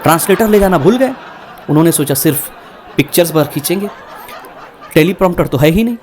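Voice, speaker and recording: A man's voice: brisk, some chatter behind, slight background noise. A young man performing a stand-up comedy set, acting out characters with big swings in his voice. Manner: animated, acts out characters with shifting pitch.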